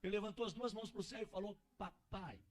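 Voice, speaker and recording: A male pastor preaching, telling a story with animated, acted-out dialogue. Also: high voice, racing. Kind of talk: sermon storytelling.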